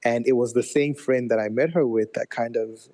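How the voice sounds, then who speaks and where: Young man from Nigeria, radio guest, cheerful storyteller, warm mellow tone. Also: mid-range voice, fairly even intonation, brisk. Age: young adult. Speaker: interview guest. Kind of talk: radio interview.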